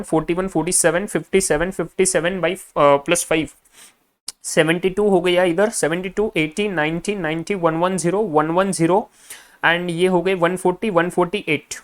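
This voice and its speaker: A male finance lecturer in a recorded class, adding up figures aloud half to himself and coaching students directly. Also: sits high.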